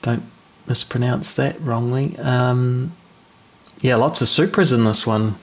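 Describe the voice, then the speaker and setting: A man with a New Zealand accent commentating his own sim racing live, chatty and relaxed, answering chat. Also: mid-range voice, slow. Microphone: gaming headset.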